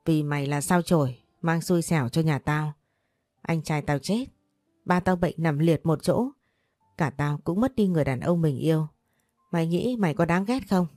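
A woman's voice: deep voice, moderate pace, mellow, no room sound, soft background music, natural voice. A woman voicing a spiteful, cruel young aunt who talks in harsh, contemptuous threats in an audio story. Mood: sneering threats.

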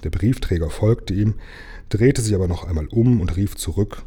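A man reading a children's book aloud in a gentle, unhurried storytelling manner. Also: on the low side, husky.

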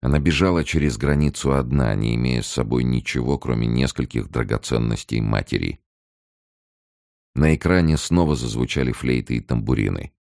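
Deep, gravelly male audiobook narrator. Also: darkish tone, no room sound, clean studio sound. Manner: measured, serious reading. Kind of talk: scripted narration.

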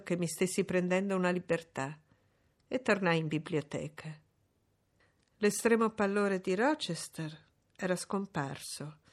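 A woman narrating a classic novel as an audiobook in a measured, clear reading voice. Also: lowish voice.

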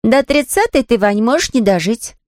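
A woman voicing a sharp-tongued older sister who teases her little brother sarcastically. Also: a little high, brisk, no echo, clean studio sound, pitched above the performer's own voice, lightly acted. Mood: mocking. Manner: mocking, sarcastic.

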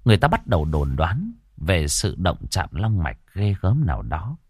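A man narrating a ghost story in expressive audiobook style. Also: deep voice, moderate pace, husky, no echo, studio quality.

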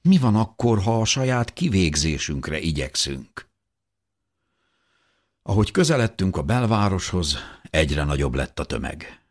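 A man narrating a first-person audiobook in an earnest, measured way. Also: very deep voice, very animated.

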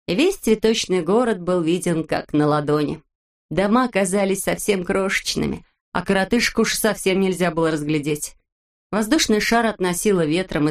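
A woman with a fairly low voice reads a children's storybook aloud. She keeps an even, clear storytelling pace, with her voice sitting on the lower side. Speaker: narrator.

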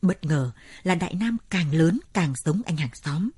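A woman narrating a story in a measured, dramatic storytelling manner. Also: low voice, animated, a little mellow, slightly rough, no echo, studio quality.

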